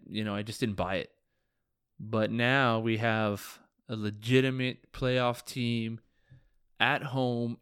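A man's voice: mid-range voice, a bit bright, clear, resonant tone, dry recording, clean studio sound. Tired, joking podcast host man. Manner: loose and joking, with casual swearing and ribbing of league friends. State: tired, yawning. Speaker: fantasy football podcast host. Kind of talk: casual solo podcast recap.

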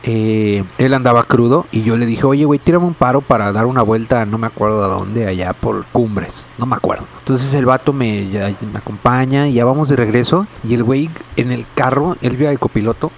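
Man, Mexican accent, casual chat, rambling slangy anecdote, mid pitch. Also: fairly quick, few pauses, slight background noise. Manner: slangy, rambling storytelling with many restarts.

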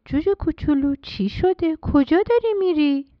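A woman's voice: high-pitched, expressive, no room sound, highs cut off, pitched above the performer's own voice. A woman voicing a concerned, motherly hen in a children's storybook reading. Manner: concerned, coaxing.

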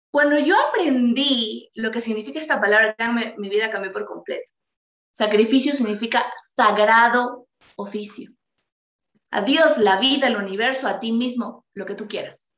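Bright-voiced woman giving a motivational talk. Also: a little high, echoey room, highs cut off. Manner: earnest, rhetorical questions to the audience. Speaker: motivational speaker.

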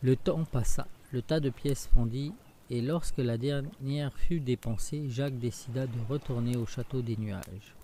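A man reads a fairy tale aloud in a steady storytelling voice. His tone is mellow and warm, with a faint hiss of noise under the recording. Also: mid-range voice, measured pace. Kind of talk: scripted storybook narration.

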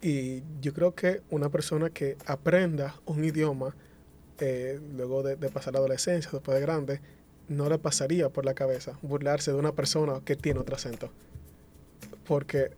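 A man speaking on a discussion panel, measured and careful, restating phrases as he refines his point. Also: a little high, a little mellow. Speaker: panel guest.

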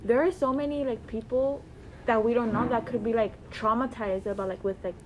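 A woman's voice: fairly high pitch, steady tone, fairly quick, slight background noise, rough recording. Chatty teenage girl, filler-heavy. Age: teens. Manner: rambling, full of "like" fillers. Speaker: student podcast co-host. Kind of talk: casual chat.

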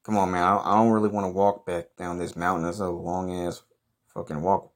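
Deep-voiced man grumbling profanely. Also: flat delivery, brisk. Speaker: comedy podcast host. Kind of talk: improvised comedic monologue.

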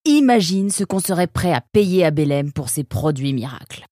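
A woman's voice: low-pitched, normal speed, no echo, studio quality. A woman voicing an eager young male creature who stammers with many hesitations, in a storybook reading. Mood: eager stammering. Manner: stammering with many "euh", excitable.

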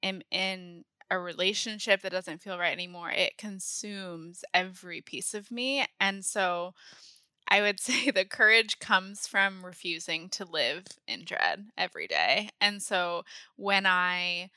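A young woman from Maine talks through her story in a loose, conversational way and laughs often. Her voice sits a little low but sounds bright and sharp. The sound is close and dry. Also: animated, unhurried, clear, resonant tone, dry recording. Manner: laughs often, says "like" a lot. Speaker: podcast guest, nutritionist. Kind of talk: casual interview talk.

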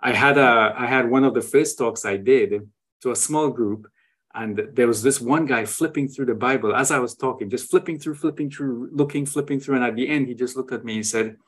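A man's voice: medium pitch, brisk, fairly bright tone, breathy edge. A man, the guest on a talk show, explains what he found on his travels, often ending points with a tag question and restarting his phrases. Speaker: guest sharing travel photos. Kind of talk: conversational explanation.

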